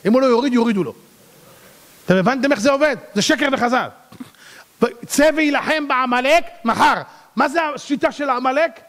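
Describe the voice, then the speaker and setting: Dramatic high-voiced rabbi in a hall. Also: male voice, a bit bright. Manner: dramatic, swings between cries and low asides. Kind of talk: sermon to a congregation. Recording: long hall reverb.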